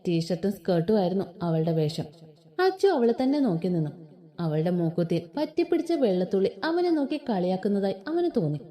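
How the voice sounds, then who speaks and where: A woman narrating a romantic family story in an expressive storytelling manner. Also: mid-range voice, brisk.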